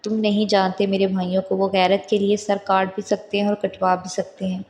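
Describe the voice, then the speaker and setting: A woman's voice: mid-range voice, level tone, darkish tone, natural voice. A woman reading a hurt, defiant young wife.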